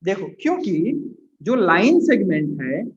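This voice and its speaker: Male physics teacher, coaxing, slow repeated key terms, roomy echo, dull lo-fi sound. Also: high-pitched, very animated. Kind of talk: classroom lecture to students. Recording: echoey room, dull lo-fi sound.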